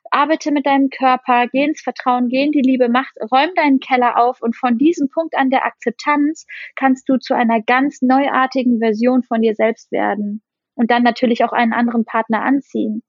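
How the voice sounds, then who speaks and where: A woman with a slightly high voice talks earnestly about personal growth in encouraging self-help phrases. The recording is dry and a bit muffled and lo-fi. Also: steady tone, normal speed, no echo. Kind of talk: casual conversation. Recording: slightly dull lo-fi sound.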